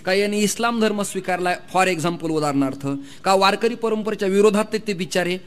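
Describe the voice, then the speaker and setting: A man's voice: sits high, brisk. A man preaching a devotional kirtan sermon to a gathering, emphatic, firing rhetorical questions and long lists, speaking into a mic with faint devotional music behind. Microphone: mic through a sound system.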